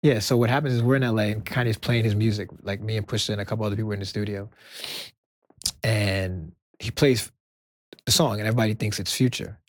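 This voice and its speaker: Soft-spoken man spinning a story. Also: fairly low pitch, quick pace, no echo, studio quality. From Brooklyn, New York. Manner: animated storyteller acting out quoted dialogue. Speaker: music executive guest. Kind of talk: storytelling interview answers.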